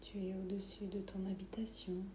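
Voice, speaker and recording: A woman softly whispering a guided meditation in a breathy, soothing, calming way, as if right in the listener's ear. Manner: slow, calming, soothing instructions. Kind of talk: guided meditation, soft whispered ASMR-like delivery. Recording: roomy echo, low background rumble noise.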